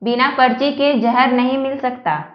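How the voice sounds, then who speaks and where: A woman's voice: high voice, moderate pace, reverberant, highs cut off, natural voice. A woman voicing a male shopkeeper who answers a customer with mock sympathy. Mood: sympathetic.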